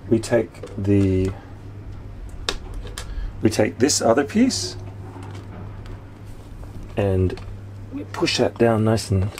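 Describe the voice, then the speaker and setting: A man's voice: on the low side, very slow, pauses often, darkish tone. A man in his fifties on a sailboat deck, explaining step by step how he does a repair while working with his hands, recorded on the camera mic. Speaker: sailor showing a boat repair. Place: outdoor deck of a sailboat at anchor. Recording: outdoor wind and ambient noise.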